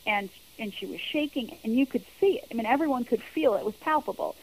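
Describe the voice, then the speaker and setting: A woman's voice: on the high side, expressive, fast, slightly rough, rough recording. A woman who works as a public speaking coach, answering interview questions in an earnest, explanatory way and repeating her key points.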